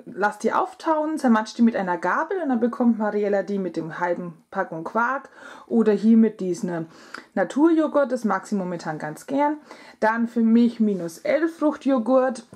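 A woman in her thirties narrates a casual vlog from her kitchen at home, chattily presenting items and speaking directly to her viewers. Her voice is fairly high-pitched with a darkish tone.

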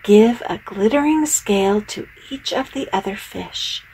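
A wise old octopus gives advice in a calm, measured storybook voice, as a woman puts her on. The pace is slow, with a gravelly texture. Faint ambience is heard behind her. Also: mid-range voice, slight background noise, lightly acted, low-quality recording.

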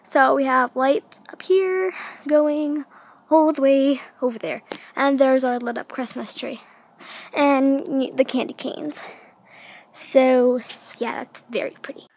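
A woman's voice: high-pitched, steady tone, slow pace, a little mellow, poor audio. A young woman chatting casually to viewers in a home holiday vlog, giggly and talkative, filming on a handheld camera. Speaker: vlogger. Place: family home at Christmas.

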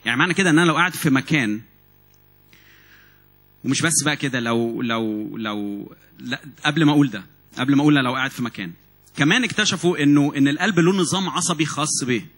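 A man preaches in Egyptian Arabic, words tumbling out at a fast clip. His voice has a husky edge, and he keeps restarting and repeating words. He sounds animated as he builds his points. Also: medium pitch. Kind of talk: sermon. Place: church meeting hall.

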